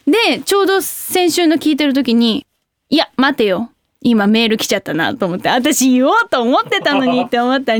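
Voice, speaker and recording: Bubbly young woman radio host, high voice, dry close sound, gets excited fast. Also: dry recording. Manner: bubbly, excitable, quick exclamations. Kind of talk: casual radio talk reading listener mail.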